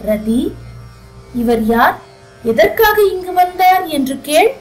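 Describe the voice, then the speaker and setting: A woman's voice: sits high, sing-song, takes it slowly, exaggerated voice, poor audio. A woman narrator voicing an angry, hurt young dancer who talks bitterly through her pet deer, over faint music. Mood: cold.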